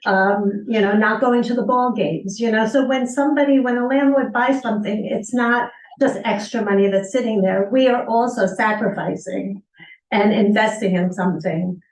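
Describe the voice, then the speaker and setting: A woman's voice: fairly high pitch, moderate pace. A woman, a landlord speaking at a public comment session, who earnestly explains her point step by step. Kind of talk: public comment at a village board meeting. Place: village board meeting room. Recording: echoey meeting hall, distant mic.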